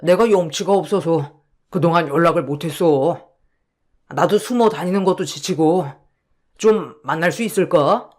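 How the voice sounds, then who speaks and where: A man's voice: on the high side, moderate pace, lightly acted. A man playing a brazen wheedling con man. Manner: wheedling and brazen, turns to abuse when caught. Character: smug scheming male con artist, old school friend. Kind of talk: radio drama acting.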